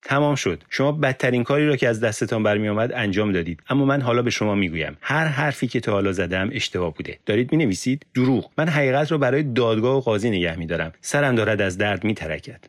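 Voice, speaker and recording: A man voicing an embittered male prisoner in an audiobook, agitated and complaining, shouting in bursts. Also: low voice, few pauses, slightly rough, no echo, clean studio sound, exaggerated voice. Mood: furious. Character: bitter, defiant male prisoner under interrogation. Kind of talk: audiobook character reading.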